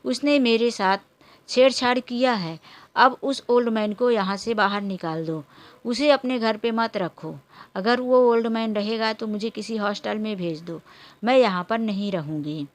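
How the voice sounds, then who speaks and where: A woman voicing a shrill, accusing teenage girl. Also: unhurried, close to an everyday voice. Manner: shouting, scolding. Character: angry spoiled teenage granddaughter, shrill and accusing. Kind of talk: storybook character voice.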